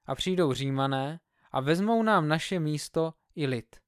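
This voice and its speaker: A man voicing a worried council of priests and Pharisees in a measured reading. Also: fairly high pitch, animated, smooth, dry recording, clean studio sound, lightly acted.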